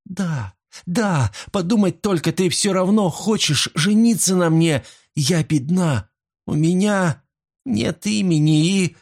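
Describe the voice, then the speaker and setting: A man's voice: on the high side, expressive, takes it slowly, hardly any pauses, a little mellow, slightly rough, voice pushed up, heavily acted. A man voicing a poor young woman who has lost her fortune, speaking tearfully and breathlessly. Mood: tearful joy.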